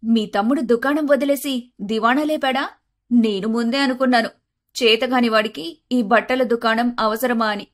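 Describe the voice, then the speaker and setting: A woman's voice: a little high, moderate pace, close to an everyday voice. A woman doing a scheming young daughter-in-law. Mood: sharp. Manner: pert, sharp, sometimes sugary.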